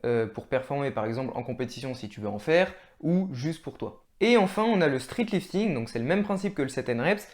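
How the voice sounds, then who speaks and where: A man's voice: medium pitch, lively intonation, fairly quick, few pauses. A man, a fitness video creator explaining training vocabulary in a casual, chatty way and laughing at himself now and then. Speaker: fitness YouTuber.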